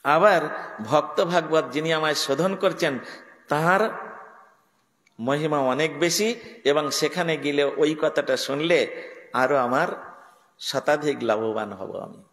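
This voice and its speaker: Middle-aged male preacher, fairly high voice, chatty sermon that keeps checking in with the listeners, echoey hall. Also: measured pace, long pauses, fairly bright tone. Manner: conversational, asks listeners questions. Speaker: monk preacher. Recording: echoey hall with long reverb.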